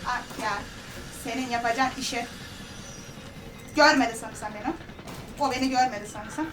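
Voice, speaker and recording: A woman's voice: a little high, normal speed, a little hiss or hum. A woman playing a horror game who talks to herself, gasps and pleads nervously as she goes. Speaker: gaming streamer. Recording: voice heard from a distance over loud game music.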